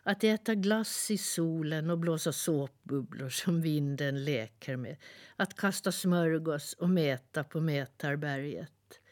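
A woman reading a children's storybook aloud in a gentle, expressive way. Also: low voice. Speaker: narrator.

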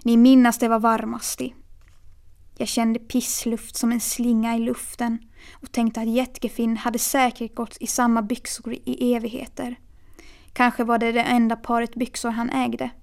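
A woman reading a children's novel aloud in a steady, quiet storytelling manner. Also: fairly high pitch, creaky. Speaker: narrator. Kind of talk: audiobook reading.

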